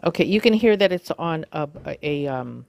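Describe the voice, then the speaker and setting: A woman giving a casual how-to demonstration, talking haltingly with many fillers and self-corrections. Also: sits low, lively intonation, gravelly, a little mellow. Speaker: video tutorial host.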